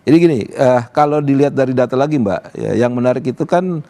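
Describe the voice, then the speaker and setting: A man with a mid-range, mellow voice talks fast as an activist guest during a live TV talk show discussion in the studio. He's casual and talkative, with frequent fillers such as "gitu" and "apa namanya."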